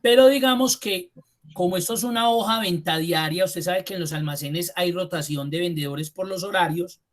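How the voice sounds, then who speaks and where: Man teaching, repeating key words. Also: high voice. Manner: repeats key terms slowly for emphasis; addresses students directly and informally. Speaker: computer course instructor. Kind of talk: online class lecture.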